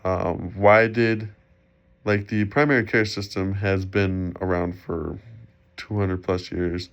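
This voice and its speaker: Young male student, low-pitched, slightly congested and muffled, halting informal presentation on a dull recording. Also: level tone, creaky. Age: young adult. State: slightly sick with a cold. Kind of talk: informal spoken presentation for a class discussion post. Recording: dull, lo-fi sound.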